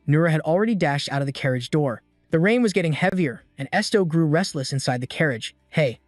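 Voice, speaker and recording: A man's voice: fairly high pitch, dry recording. A man narrating a recap. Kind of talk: scripted story narration. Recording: dry voice-over with soft music.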